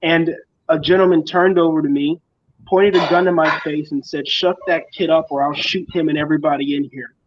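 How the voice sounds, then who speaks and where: A young man from the Bahamas lays out his campaign with confident, speech-like conviction. His voice sits a little high. The recording is dull and lo-fi. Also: steady tone, a little fast. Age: young adult. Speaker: school board candidate. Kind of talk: campaign interview.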